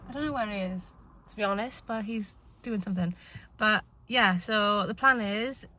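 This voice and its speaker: A young woman chatting casually as a travel vlogger, rambling with fillers while on a road trip. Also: mid-range voice. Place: in a car and on the road. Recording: muffled with loud road noise.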